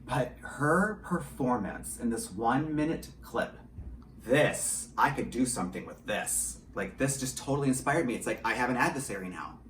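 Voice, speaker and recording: This audio drama writer and director has a mid-range, expressive voice with a fairly bright tone and a moderate pace. Talking casually about his creative work in an interview, he rambles, pokes fun at himself, and swears a little. The clip comes from a small home studio indoors, with roomy echo and some faint noise behind him.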